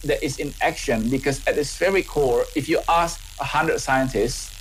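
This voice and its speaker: A scientist and business owner in his thirties with an Indonesian accent answers interview questions earnestly in a mid-range voice at normal speed, often repeating and restarting words. The audio is poor, with a little hiss or hum.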